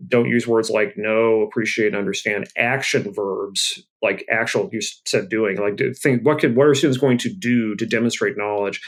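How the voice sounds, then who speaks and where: A man, a math professor, answering interview questions in lively conversation, repeating words and laughing as he talks. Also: fairly low pitch. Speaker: guest author, math professor.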